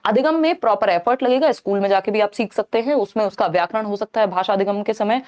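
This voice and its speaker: A woman's voice: medium pitch, quick pace, darkish tone. A woman teacher running a live online exam-prep class, explaining step by step, slipping in English terms and often checking that listeners are following.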